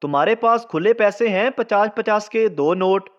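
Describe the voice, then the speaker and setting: A man's voice: high voice, normal speed, lo-fi sound, natural voice. A man voicing a scheming male Sardar in a spoken joke, in a plain storytelling way. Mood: deadpan.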